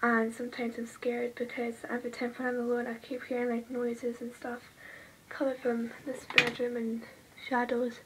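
A woman's voice: fairly high pitch, completely flat delivery, normal speed, noisy background. A woman vlogging from her bedroom, chatting in a rambling way and muttering asides to herself, with a TV playing in the background. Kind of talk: casual chat while doing makeup. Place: bedroom at home.

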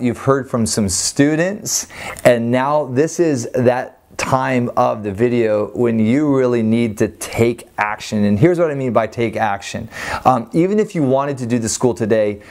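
An earnest man in his thirties speaks straight to camera with a lapel mic, pressing viewers to act now. His delivery is warm-hearted and urgent, his hands moving as he talks. The pitch sits in an ordinary middle range. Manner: earnest, urging, gestures while talking. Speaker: ministry school leader. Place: indoor living-room style set.

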